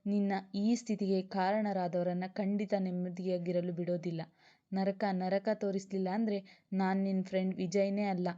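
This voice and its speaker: A woman's voice: mid-range voice, flat delivery, normal speed, dark tone, natural voice. A woman reading the lines of a young male police officer, anguished and pleading, later blunt and defiant, on a dull lo-fi recording. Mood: vengeful.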